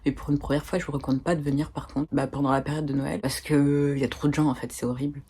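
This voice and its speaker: A woman's voice: sits low, little pitch movement, fast talker, dark tone, breathy edge. A woman with a French accent, telling a rambling, chatty story as a travel vlogger talking to her viewers. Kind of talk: casual chat to camera.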